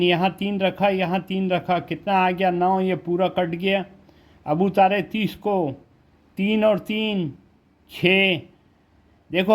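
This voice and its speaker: Slow high-voiced male math teacher. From India. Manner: slow, step-by-step explaining with frequent rhetorical questions. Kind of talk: classroom math lesson.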